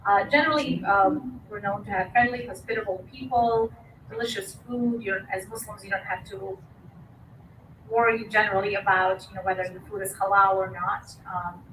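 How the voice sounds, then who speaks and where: A woman in her forties from Bosnia giving a slide lecture, measured, with many fillers. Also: mid-range voice, steady tone, fairly bright tone. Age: 40s. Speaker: guest speaker. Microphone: distant podium mic. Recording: echoey hall from far off, noisy.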